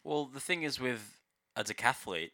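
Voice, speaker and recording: A man's voice: medium pitch, lively intonation, normal speed, pushed and bright. A man with an Australian accent talking casually about sport as a podcast co-host. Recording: close, dry podcast sound.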